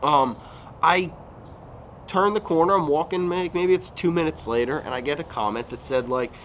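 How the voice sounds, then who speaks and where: Outdoors at a resort recreation area, with passing vehicles audible in the noisy recording, a thirty-something YouTuber rambles casually through a vlog. His voice is a little high with a fairly bright tone at a moderate pace, and he relies on fillers and self-corrections.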